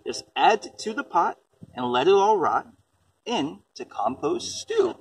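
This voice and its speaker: A man reads a picture book aloud and chats casually, simply explaining composting to a small child as a parent would, with questions along the way. His voice is high-pitched and slow, with wildly swooping pitch. The microphone is distant and there is faint background noise.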